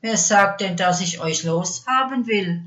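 A woman voicing a cruel, mocking male devil in a fairy tale, taunting loudly and then dropping to a menacing hush. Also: mid-range voice, a little slow, lo-fi sound, natural voice. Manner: loud taunting, drops to a soft menacing hush.

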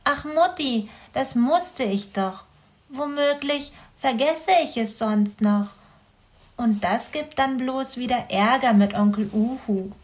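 A woman's voice: fairly high pitch, slow, pitched above the performer's own voice. A woman voicing an eager, cheeky little boy hedgehog in a children's audio story.

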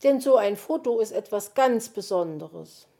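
A woman voicing a clever little bird who briskly explains things. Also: mid-range voice, animated, dark tone, voice pushed up.

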